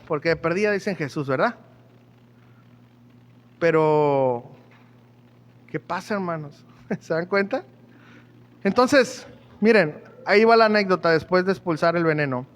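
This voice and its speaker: A man preaching a sermon in a chatty, joking way, often asking his listeners questions. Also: sits high. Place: church hall. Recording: echoey church hall.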